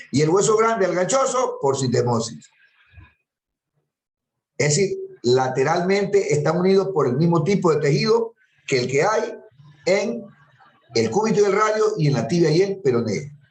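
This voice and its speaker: A man's voice: a little high, roomy sound, rough recording. A man teaching an anatomy class, patiently repeating terms and quizzing his students. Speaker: anatomy lecturer. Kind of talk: classroom lecture.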